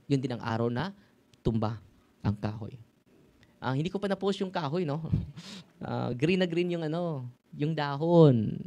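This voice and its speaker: A Filipino-accented priest preaching in a loose, conversational way, peppering his talk with little tag questions. His voice sits at an ordinary middle pitch, and now and then he rises into loud, ringing exclamations. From Philippines. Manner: chatty, tag questions, mixes languages, sudden loud exclamations. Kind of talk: informal sermon to a live audience.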